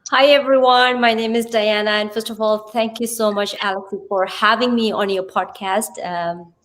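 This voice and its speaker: A woman with a Sri Lankan accent appears as an interview guest, introducing herself and explaining things earnestly, phrase by phrase. She is a podcast guest who also works as a TV presenter and radio host. Her mid-range voice is fairly even, a bit bright, at a normal pace.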